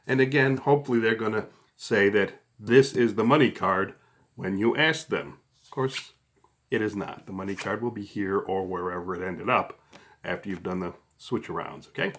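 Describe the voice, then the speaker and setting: Low-pitched middle-aged man giving a casual tutorial. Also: a bit bright. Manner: casual, conversational, often checks in with "okay" and "all right". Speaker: card trick instructor. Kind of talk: informal step-by-step tutorial.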